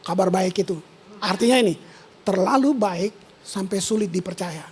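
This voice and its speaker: A woman pastor, preaching a sermon in an animated, slangy way with English words mixed in. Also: medium pitch, normal speed, a little hiss or hum.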